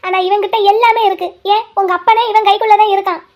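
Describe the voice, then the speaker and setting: Frightened old granny in a cartoon, shrill and very high, scolds and laments. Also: female voice, steady tone, fast, darkish tone. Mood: fearful. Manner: wailing, pleading and scolding. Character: worried elderly grandmother, fretful and scolding. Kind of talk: cartoon voice acting.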